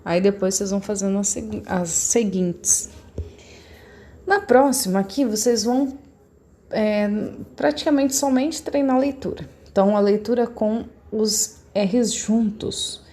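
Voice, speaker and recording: A woman's voice: mid-range voice, unhurried, dark tone. A woman teacher from Brazil, patiently explaining a remote lesson step by step to young pupils. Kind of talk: recorded remote class lesson.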